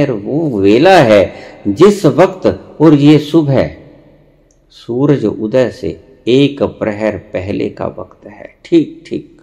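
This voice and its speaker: Male spiritual teacher, slow sermon delivery, lively rising and falling pitch, stern lecturing tone. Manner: slow, deliberate, with long pauses and sudden emphatic rises; rebuking, lecturing the listeners directly. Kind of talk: spiritual discourse.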